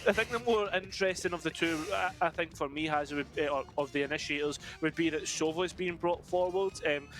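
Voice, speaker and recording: A British man with a high-pitched voice breaks down esports tactics as co-caster. He talks thoughtfully and pauses to search for words. Soft music runs underneath. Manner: thoughtful, hesitant with fillers. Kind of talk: esports analysis.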